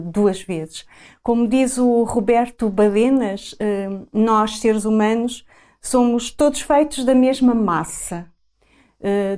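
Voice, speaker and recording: A woman's voice: medium pitch, darkish tone. A woman with a European Portuguese accent, a guest explaining her reflections, repeating phrases for emphasis. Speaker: interview guest.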